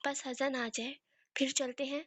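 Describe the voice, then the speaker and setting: A woman's voice: high voice, level tone, background noise, natural voice. A woman reading the part of a tender middle-aged mother who soothes a frightened girl in a storybook reading. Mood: soothing. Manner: soft, soothing, affectionate.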